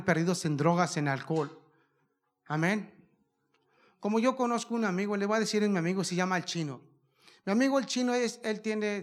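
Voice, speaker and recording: A man preaching a fervent sermon at a church service, asking the congregation question after question. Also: sits high. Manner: fervent, asks the congregation many rhetorical questions.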